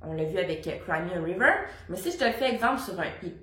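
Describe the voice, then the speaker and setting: A woman's voice: fairly low pitch, animated, quick pace, a bit bright. Québécois woman voice coach, roomy sound. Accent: Québécois French. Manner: casual and explanatory, with frequent fillers and sung demonstrations. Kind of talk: vocal lesson to camera. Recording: roomy echo.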